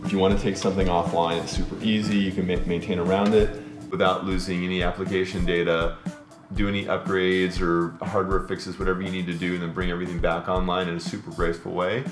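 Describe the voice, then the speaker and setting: Deep-voiced man hosting a cooking show. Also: level tone, fast, roomy sound, over music. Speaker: host. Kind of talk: casual cooking show chat. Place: home kitchen.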